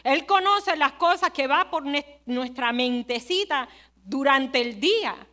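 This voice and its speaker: A woman's voice: high voice, animated, slow pace, pushed and bright. A woman preaching a sermon, telling stories and speaking straight to her listeners. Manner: storytelling, conversational, asks the listeners directly.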